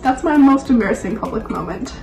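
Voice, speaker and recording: A young woman chatting casually over food, telling stories in an animated, giggly way. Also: on the high side, a little fast, vocal fry, recorded from a distance. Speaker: co-host of a mukbang Q and A. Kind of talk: casual chat while eating. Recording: roomy echo with music behind.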